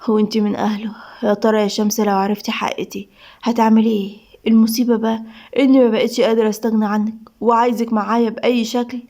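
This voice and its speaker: A woman's voice: medium pitch, fairly even intonation, fast, a little mellow, natural voice. A woman voicing a smiling, secretive rich man. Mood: whispering. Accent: Egyptian Arabic. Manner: smiling, ends in whispers.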